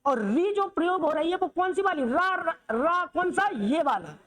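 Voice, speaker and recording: A woman with a high voice teaches the Hindi alphabet. She asks her students questions, answers them herself, and keeps checking that they follow. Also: expressive, normal speed, a bit bright. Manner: repetitive, checks students' understanding. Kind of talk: classroom lesson on Hindi script.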